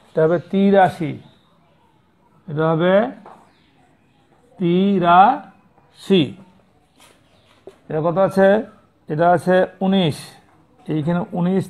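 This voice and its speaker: In a classroom math lesson for young children, a man works patiently and repetitively, pausing to fix how numbers are said and spelled. His mellow voice sits high with fairly even intonation, a moderate pace and frequent pauses; the audio sounds tinny, like a phone.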